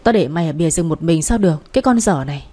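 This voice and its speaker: Old village woman, blunt and scolding, read by a female narrator; mellow tone. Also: low voice, lively intonation, rapid-fire. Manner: coarse, nagging.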